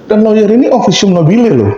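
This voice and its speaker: A man's voice: high-pitched, big pitch swings, fast talker, dark tone. A middle-aged man, an advocate, talking emphatically and animatedly in an interview and acting out the voices of people he quotes. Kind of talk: impassioned interview talk. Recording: dull, echoey room sound.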